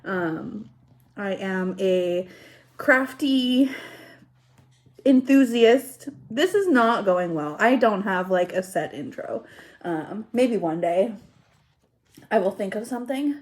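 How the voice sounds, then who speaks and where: In her home kitchen, a slightly congested woman vlogs to camera at a slow pace, her mid-range voice animated. She rambles casually, scattered and self-deprecating, slipping in conversational asides.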